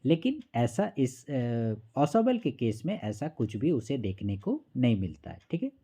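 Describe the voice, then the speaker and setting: A man teaching an exam-prep literature lesson, reading lines slowly and then explaining them patiently and repetitively. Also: mid-range voice, very animated, dark tone, breathy edge. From Jharkhand or Bihar, India.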